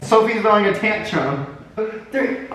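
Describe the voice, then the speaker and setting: A young man hosting a chaotic baking challenge with friends at home, laughing and yelling a lot and struggling to hear. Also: high voice, lively intonation, a little slow. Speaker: YouTuber host. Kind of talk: chaotic casual chat. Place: home kitchen. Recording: echoey room, camera from a distance, noisy.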